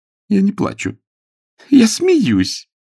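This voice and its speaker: A man reading aloud, voicing a mocking, quick-tongued young woman. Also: high voice, huge pitch swings, gravelly, warm tone, slightly rough, no room sound, clean studio sound, pitched above the performer's own voice, exaggerated voice. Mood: teasing. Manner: mocking, teasing. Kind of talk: audiobook character voice.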